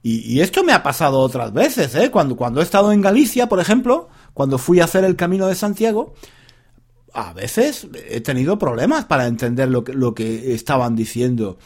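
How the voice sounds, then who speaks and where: A man's voice: mid-range voice, big pitch swings, fairly quick, a little mellow, slightly rough. A man teaching Spanish in a casual, rambling monologue. He speaks straight to his listeners, drifts off topic and laughs at himself when he loses his thread. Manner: addresses listeners directly.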